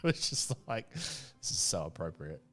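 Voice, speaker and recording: A man's voice: low voice, sing-song, normal speed, a bit bright. Laid-back man hosting a game stream. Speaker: host. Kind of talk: casual chat on a game stream.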